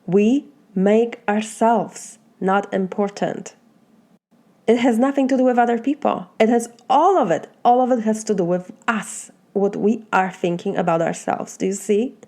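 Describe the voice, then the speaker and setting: A Polish woman with a Polish accent speaks as a life coach in a motivational talk, asking slow, earnest and reflective questions. Her mid-range voice is mellow.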